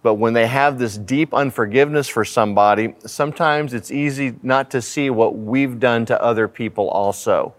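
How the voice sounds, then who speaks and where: Casting: male pastor, medium-pitched, conversational and earnest Bible study preaching, building points through repetition. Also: moderate pace, hardly any pauses. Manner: conversational, earnest teaching with repeated phrasing. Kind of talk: Bible study sermon with prayer. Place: church sanctuary.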